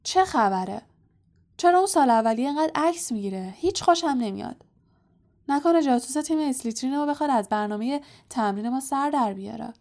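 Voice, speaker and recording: Oliver Wood, woman voicing an angry shouting captain. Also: sits high, expressive, pitched above the performer's own voice. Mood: suspicious. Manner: shouting, fast and bossy. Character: stern angry teen male team captain.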